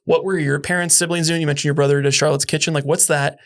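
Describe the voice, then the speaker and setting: A man hosts a podcast in a fairly high voice, full of jokes. He rambles off on playful tangents between his questions and keeps the talk loose. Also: little pitch movement, fast. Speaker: podcast host. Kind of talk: casual interview conversation.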